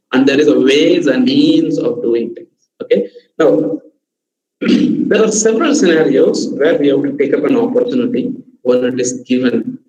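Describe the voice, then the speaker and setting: A man's voice: medium pitch, mellow. A man with an Indian English accent giving a live online lesson on a video call. He lists numbered tips and keeps coming back to "okay". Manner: repeats "okay", gives numbered step-by-step tips. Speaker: online workshop trainer. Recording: dull, roomy video-call audio with faint hiss.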